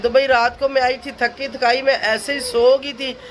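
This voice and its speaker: A woman's voice: high-pitched, flat delivery, normal speed, a faint crowd, slight background noise. A woman from Pakistan, chatting to camera in a casual family vlog, tired, laughing often and calling out to relatives. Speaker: family vlogger.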